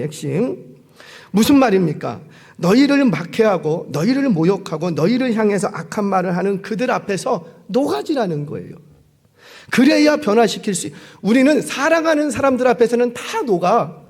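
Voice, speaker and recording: Man, middle-aged, pastor, sermon, call-and-response, emphatic then hushed, high-pitched, very expressive. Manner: animated call-and-response preaching, asks the congregation questions; swings from loud emphatic lines to hushed near-whispers.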